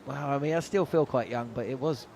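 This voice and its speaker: A man's voice: medium pitch, brisk, vocal fry, a little mellow, a little hiss or hum. A middle-aged man doing ball-by-ball cricket commentary from a commentary box, mixing play calls with rambling anecdotes and plenty of uh fillers. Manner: chatty, anecdotal, frequent uh fillers.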